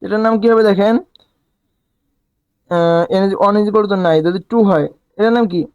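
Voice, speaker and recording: A man's voice: sits high, moderate pace, smooth, dry recording, muffled recording. A male chemistry teacher giving a recorded lecture, asking questions and answering them himself and counting aloud, in a casual colloquial way. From Bangladesh. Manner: colloquial, dialect forms.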